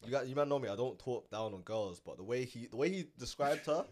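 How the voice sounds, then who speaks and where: Quick-talking young London roadman. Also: medium pitch, expressive, noisy background. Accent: London roadman, urban slang-heavy. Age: 20s. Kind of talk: casual banter, storytelling among friends.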